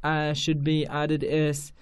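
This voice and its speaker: A man's voice: fairly high pitch, completely flat delivery, takes it slowly, clear, resonant tone. A man with a Kurdish accent, a native Kurdish speaker, teaching an English grammar lesson to students and repeating each example sentence with care.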